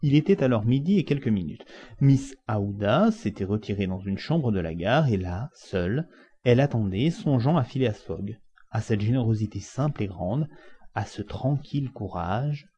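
A man's voice: on the low side, animated, moderate pace, mellow. A man reading a classic novel aloud with dramatic, varied emphasis. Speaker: audiobook reader. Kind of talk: expressive scripted narration of a classic novel. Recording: dull lo-fi recording.

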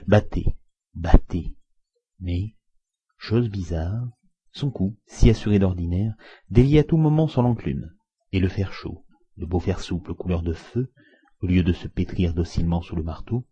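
A man narrating a story aloud in a measured, expressive reading. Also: low voice, slightly rough. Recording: muffled lo-fi recording.

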